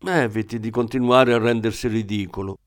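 A man voicing an older former croupier, a German woman who speaks with calm, condescending irony. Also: mid-range voice, fairly quick, clean tone, dry recording, clean studio sound, natural voice. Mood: sardonic.

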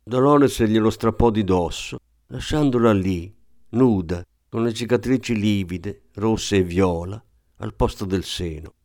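A man narrating an audiobook in a calm, measured storytelling manner. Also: lowish voice, dry recording, studio quality. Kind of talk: scripted narration.

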